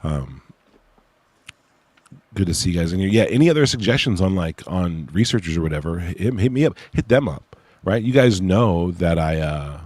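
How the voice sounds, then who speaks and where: A man with a low voice, recorded close and dry. He talks like a casual livestream host, informal and a little halting, and his s sounds whistle slightly. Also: expressive, darkish tone, no echo. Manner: informal, slangy, hesitant. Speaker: livestream host presenting own research project. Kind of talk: casual livestream chat with read-aloud case notes.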